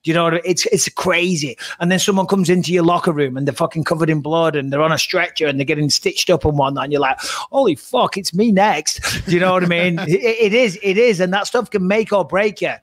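A man co-hosting a fight podcast, telling stories in an animated, profane way. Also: high-pitched, quick pace, hardly any pauses. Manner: animated storytelling, heavy swearing. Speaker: podcast co-host and fight commentator. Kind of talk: casual podcast chat.

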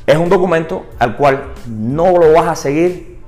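Animated man coaching. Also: a little slow, soft background music. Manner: animated, rises high and loud for emphasis, then drops low and quiet; rhetorical questions and asides to the audience. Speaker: real estate business coach. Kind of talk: live seminar talk to agents.

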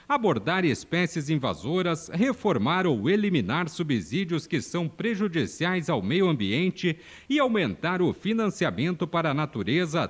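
A man presenting a farming programme in formal, scripted announcer narration. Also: a little high.

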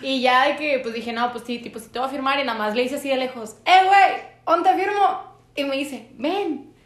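A young woman telling stories in a casual, slangy, animated way as podcast co-host. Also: sits high, a little fast. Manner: animated, slangy, acts out quotes. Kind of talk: casual storytelling chat. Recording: echoey room.

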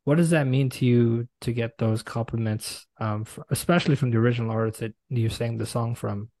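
A man from Brooklyn with an American accent, interviewing on a podcast in an effusive, halting way. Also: medium pitch, fairly even intonation, darkish tone, dry recording. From Brooklyn, New York. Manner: effusive, halting delivery with repeated words.

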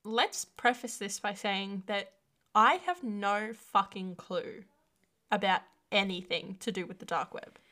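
A woman's voice: mid-range voice, a little slow, pushed and bright. A woman co-hosting a podcast in playful, giggly casual chat. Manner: giggly, playful, often laughing. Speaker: podcast co-host.

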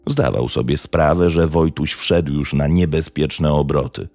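Very deep gravelly male narrator. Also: a little mellow, no echo, soft background music. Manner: measured, dramatic storytelling. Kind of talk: true crime story narration.

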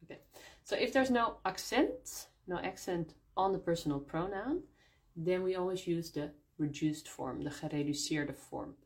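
Slow, patient Dutch-speaking woman teacher. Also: on the low side, animated. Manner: explains slowly, repeating words in Dutch and English. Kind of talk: live-streamed Q&A lesson. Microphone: phone.

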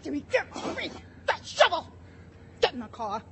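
A woman's voice: extremely high pitch, big pitch swings, normal speed, background noise, heavily acted. An actress playing a panicky, nagging female accomplice who speaks sharply and urgently. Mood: exasperated, panicky.

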